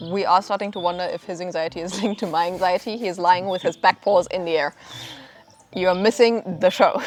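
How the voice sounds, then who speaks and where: A woman raised in France who co-hosts a cat vlog, chatting casually and laughing often. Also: lowish voice. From born in Germany, raised in France. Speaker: cat channel co-host. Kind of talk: casual chat.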